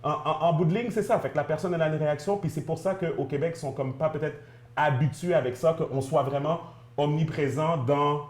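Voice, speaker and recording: A man's voice: a little high, fairly quick. Man, casual panel talk, rambling, many fillers, echoey room. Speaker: panel guest.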